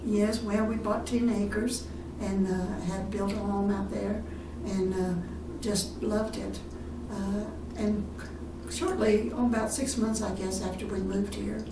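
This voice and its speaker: A woman's voice: medium pitch, flat delivery, slow pace. An older woman from Texas, a retirement community resident being interviewed about her life. She speaks unhurriedly, with many fillers and restarts. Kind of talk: recorded oral history interview. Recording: roomy, distant mic with background noise.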